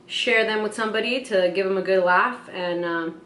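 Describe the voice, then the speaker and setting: A woman's voice: medium pitch, normal speed, a bit bright. A young woman co-hosting a casual video, telling a funny story and laughing through it. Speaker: co-host, storyteller. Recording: echoey room.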